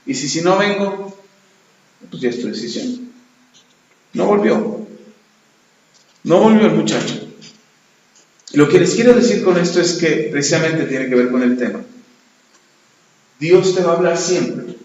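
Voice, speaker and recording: A pastor preaching a sermon, retelling a story and acting out both sides of the dialogue. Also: male voice, a little high, lively intonation, measured pace, pauses often, darkish tone. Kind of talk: sermon with retold anecdote. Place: church. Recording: echoey church hall, dull lo-fi sound.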